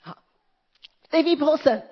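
A woman preacher giving a sermon, telling stories in an animated way with wide swings in pitch. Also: unhurried. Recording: dull lo-fi recording.

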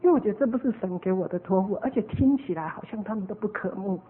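A woman giving an earnest, animated sermon testimony as a preacher. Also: mid-range voice, fast talker. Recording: narrow phone-like lo-fi recording.

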